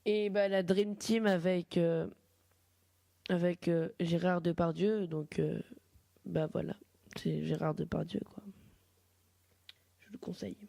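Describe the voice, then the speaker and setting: A man's voice: high-pitched, fairly even intonation, slow pace, gravelly, pauses often, mellow, no room sound. A young man with a French accent hosting a casual amateur radio show, chatty and informal, often correcting himself mid-sentence. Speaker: radio host.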